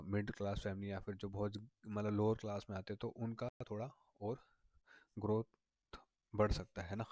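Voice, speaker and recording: A male vocabulary teacher explains memory tricks step by step, repeating himself and checking in with his students. His voice sits low and stays fairly level, and it is recorded close up in a dry room with no echo. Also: darkish tone, dull audio. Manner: patient, repetitive, often checks in with "theek hai na".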